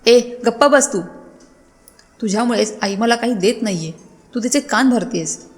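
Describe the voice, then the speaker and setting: A woman voicing a scheming grown son who pressures his old mother. She speaks in her own pitch, and a long hall reverb trails her voice. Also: normal speed, lightly acted. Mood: angry. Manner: pressuring, wheedling, flaring into anger. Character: greedy grown man, a pushy scheming son.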